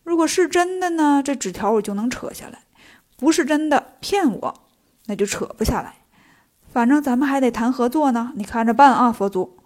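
A woman's voice: sits high, lively intonation, moderate pace, a little mellow. A woman voicing a timid, chatty male traveling monk in a storybook telling. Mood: wry.

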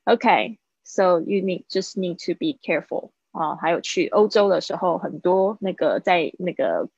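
Woman teaching English vocabulary, husky voice. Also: lowish voice, lively intonation, darkish tone, no room sound. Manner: mixes Mandarin with English, drawn-out vocabulary drills. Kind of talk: live-streamed language lesson. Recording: husky, dull lo-fi stream audio.

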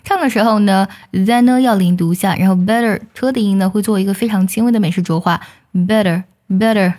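A woman teaching English song lyrics, explaining each line patiently and singing phrases slowly to demonstrate. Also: mid-range voice, mellow.

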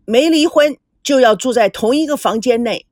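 A woman's voice: fairly high pitch, very animated, moderate pace, no room sound, clean studio sound. A woman voicing a stern, domineering old father who scolds his daughter. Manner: scolding, gruff.

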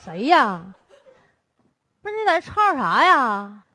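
A woman with a Northeastern Chinese accent playing a loud, quarrelsome shrewish neighbor in a stage comedy sketch, scolding in rapid-fire bursts. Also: sits high, sing-song, full character voice. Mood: indignant. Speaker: errenzhuan comic performer.

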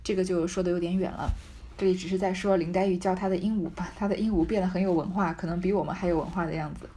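A woman's voice: fairly low pitch, steady tone, fast talker, mellow, breathy edge. A woman reading a classic novel aloud and musing over it with a few fillers. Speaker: reader and commentator.

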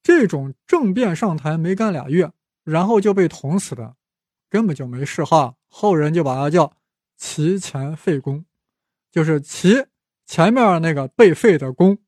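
A man's voice: fairly high pitch, lively intonation, measured pace, darkish tone, dry recording, clean studio sound. A man hosting a podcast, telling history as a casual, playful story with chatty asides to the listener. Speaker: podcast host.

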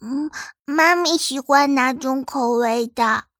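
A woman voicing a sweet, clingy little boy in a storybook reading, in a childlike, drawn-out way. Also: high voice, a bit bright, dry recording, clean studio sound.

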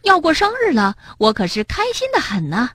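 Cheerful little boy critter, storybook, raised bright voice, lively, a bit breathy, as a woman reads him. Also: fairly high pitch, brisk, no room sound, studio quality, pitched above the performer's own voice, full character voice.

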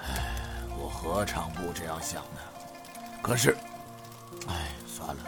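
A kind-hearted aging innkeeper from a told story talks with a gravelly edge and lively rises and falls, sighing fatherly over the children, as a male storyteller puts him on. Soft music runs faintly underneath. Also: mid-range voice, normal speed. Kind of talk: storytelling with voiced characters.

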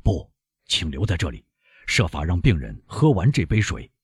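A man voicing a doctor who fires off quick, pressing questions and orders in an audiobook reading. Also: sits low, wildly swooping pitch, slightly rough, dry recording, clean studio sound, exaggerated voice. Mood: urgent. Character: urgent male doctor, probing, commanding.

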